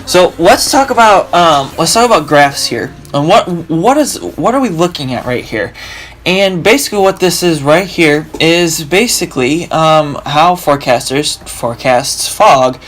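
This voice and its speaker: A man's voice: a little high, expressive, unhurried, fairly bright tone, slight background noise. A young man with a groggy allergy-worn voice, explaining weather casually in a rambling way with many restarts. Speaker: weather video host.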